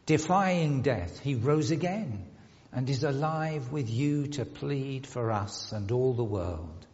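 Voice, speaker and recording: A man leading a communion prayer in a large church, intoning slowly and solemnly, his voice ringing in a long cathedral-like echo. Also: mid-range voice, expressive, darkish tone. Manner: slow, measured, solemn intoning. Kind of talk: liturgical prayer recitation. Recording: dull, echoey church recording from afar.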